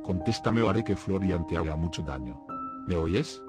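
A man reading the lines of a young girl who questions another child in a calm, threatening way. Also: low-pitched, normal speed. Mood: coldly threatening. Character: cold, menacing little girl interrogating another. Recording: music playing behind the voice.

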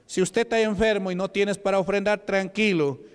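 A man's voice: sits high, fairly even intonation, moderate pace, smooth. Peruvian man preaching in a reverberant hall. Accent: Peruvian Spanish. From Peru. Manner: conversational, asks the congregation questions. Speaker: pastor. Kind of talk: testimony sermon. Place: church hall.

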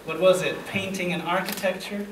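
A young man hosts a live interview in a room with a table and an audience, speaking casually with lots of fillers. His high-pitched voice is brisk and fairly even, picked up by a table mic on a stand from a distance in a noisy, echoey room.

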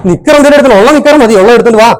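A man filming a casual home prank for a family vlog, talking urgently and reassuring again and again, sometimes hushed. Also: very high voice, rapid-fire. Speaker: family vlogger pulling a prank.

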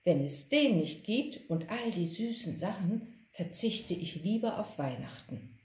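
A woman's voice: on the low side, lively intonation, a little mellow, roomy sound. A woman voicing a greedy bear who grumbles insistently about cake and sweets. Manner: grumbling, hurried.

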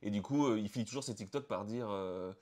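A man's voice: fairly low pitch, fairly quick, a little mellow. A man co-reading on a stream, chatting casually in a rambling way. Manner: rambling, lots of filler and restarts. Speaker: co-reader on stream. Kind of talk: casual chat.

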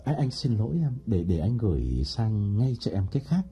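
Audiobook role: a man doing a glib lover, dark, very husky voice, eager and sweet-talking. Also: on the low side, big pitch swings, normal speed, soft background music, full character voice. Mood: pleading.

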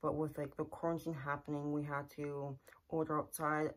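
A young woman speaks to a camera at close range in her small bedroom, keeping her vlog earnest, plain and repetitive. Her low-pitched voice holds a level tone at a moderate pace.

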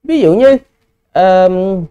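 A man's voice: sits high, lively intonation, drawn-out words, warm tone, smooth, highs cut off. A male Buddhist monk answering a Dharma question, explaining patiently and addressing his listeners politely. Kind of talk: Dharma Q&A teaching.

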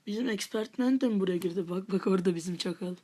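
Husky-voiced woman muttering over gameplay. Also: medium pitch, fast talker, mellow. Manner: mutters half-whispered asides while playing; playfully taunting opponents. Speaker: gaming channel host. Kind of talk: live gameplay commentary.

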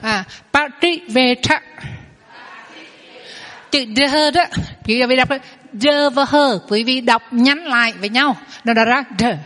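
A woman, a Buddhist nun, teaching a Dharma class, explaining patiently and drilling new words slowly, saying each one twice. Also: high-pitched, a bit bright. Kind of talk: Dharma lesson with pronunciation drills. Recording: long hall reverb.

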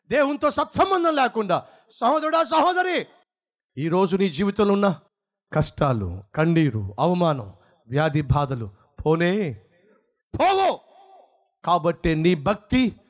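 A male pastor preaches a sermon in a high voice. He swings dramatically from low, quiet phrases to shouted peaks, with very lively pitch all through.

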